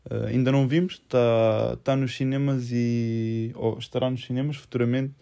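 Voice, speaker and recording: Young man, European Portuguese accent, casual chat, English phrases mixed in, even intonation, mid-pitched, creaky. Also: moderate pace. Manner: mixes English phrases into speech. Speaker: film discussion podcast co-host.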